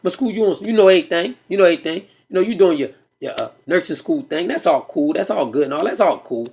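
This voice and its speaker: A man's voice: high voice, expressive, fast talker, gravelly, a little mellow. A man voicing his smug know-it-all friend, lecturing in profane street slang.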